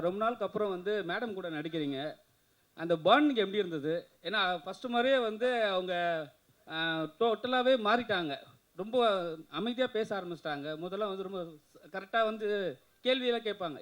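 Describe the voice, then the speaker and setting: A man's voice: sits high, expressive, brisk, a bit bright. A male reporter asking a long, rambling question at a press meet.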